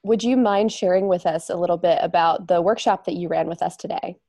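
A woman co-hosting a podcast interview, asking questions in a quick, friendly way. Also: lowish voice, warm tone, dry recording. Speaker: co-host, graduate student. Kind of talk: casual interview conversation.

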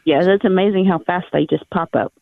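A woman's voice: lowish voice, a little fast, vocal fry, no echo. A woman calling in to a radio show by telephone, chatting casually over a muffled line. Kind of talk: casual phone chat. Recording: muffled, dry phone line.

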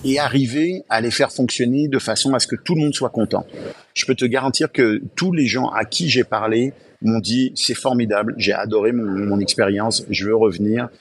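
A man's voice: medium pitch, moderate pace, a little hiss or hum. A man speaking as an enthusiastic guest in a remote podcast interview, often restarting his sentences. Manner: enthusiastic, talks in bursts with many restarts. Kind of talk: remote interview, casual chat.

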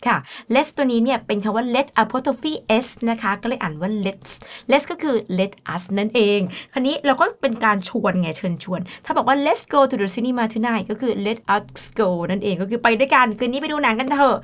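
A woman's voice: on the high side, normal speed, hardly any pauses, a bit bright. A woman co-hosting a radio English lesson, explaining each phrase chattily to listeners with everyday examples. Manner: chatty, gives Thai examples. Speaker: radio co-host.

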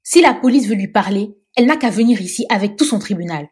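A woman voicing a fierce older woman who shouts defiantly, with a husky voice. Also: mid-range voice, expressive, fast. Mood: furious. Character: fierce shrill older woman leading protest.

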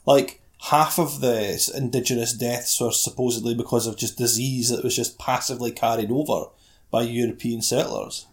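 A man's voice: medium pitch, fairly even intonation, normal speed. A man co-hosting a casual podcast, joking, swearing freely and reading listener letters aloud. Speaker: podcast co-host. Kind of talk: casual chat.

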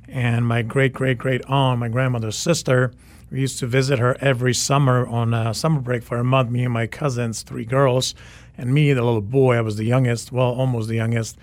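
This is a native Czech speaker from the Czech Republic, a photographer in his forties, interviewed on radio. He speaks at a medium pitch, level tone and normal speed with no room sound, eagerly repeating words for emphasis.

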